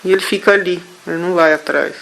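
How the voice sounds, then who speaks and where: A man haltingly recounting a vision during a therapy session, with many restarts. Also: high voice, vocal fry, a bit bright, low-quality recording. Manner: halting, hesitant, full of restarts. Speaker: therapy client.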